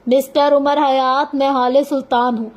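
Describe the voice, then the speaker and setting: Woman reading as a proud young woman, sharp tongue, bites off every word. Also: high voice, normal speed, natural voice. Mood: defiant. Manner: sharp, emphatic.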